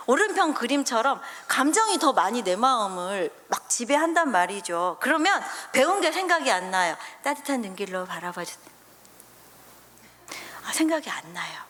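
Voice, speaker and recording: A pastor's wife preaching a sermon, telling animated stories and acting out little scenes for the congregation. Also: female voice, medium pitch. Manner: animated storyteller who acts out scenes with the congregation. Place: church sanctuary. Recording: reverberant church hall.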